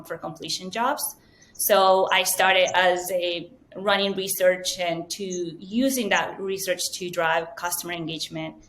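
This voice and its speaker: A woman's voice: on the low side, fairly bright tone, a little hiss or hum. A woman from Venezuela, answering interview questions fluently and earnestly, with frequent ums. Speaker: guest, data science manager.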